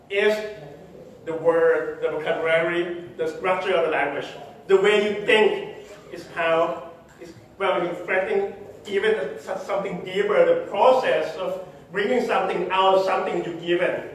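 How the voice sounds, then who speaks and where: Male conference presenter, high-pitched, teaching slowly with "okay?" checks, recorded far off in a very echoey hall. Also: slight background noise. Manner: explains step by step, repeats phrases, ends points with "okay?" and "right?". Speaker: tech conference speaker. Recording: echoey hall, distant mic.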